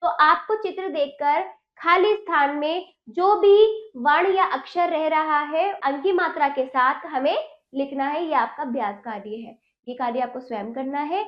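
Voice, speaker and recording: Woman teacher doing a kids hindi lesson, high voice, slow singsong reading, slightly muffled recording. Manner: slow, sing-song reading with prompting questions.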